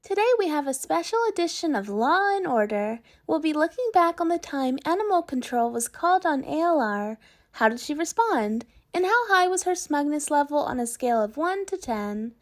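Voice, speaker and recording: A woman's voice: sits high, animated, moderate pace. A young woman hosting a commentary video with a scripted, tongue-in-cheek introduction. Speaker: commentary channel host.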